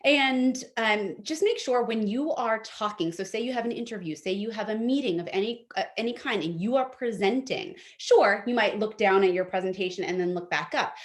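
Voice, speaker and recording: A woman's voice: mid-range voice, moderate pace, few pauses. A young woman presenting an online etiquette workshop from her home office, friendly and practical, with plenty of fillers.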